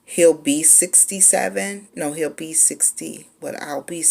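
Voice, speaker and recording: A woman in her forties tells her story in a relaxed, unhurried way. Her voice sits low and has a gravelly, fry-tinged edge. She is chatty and pauses often as she talks. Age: 40s. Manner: laid-back, chatty, with frequent "um" pauses. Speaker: vlogger. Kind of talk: casual storytime.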